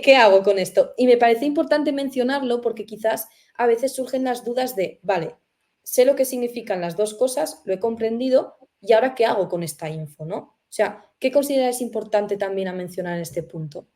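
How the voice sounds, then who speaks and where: A woman hosts a conversational interview in a reflective way, full of fillers and rhetorical questions. Her mellow voice is fairly high in pitch, and she talks a little fast.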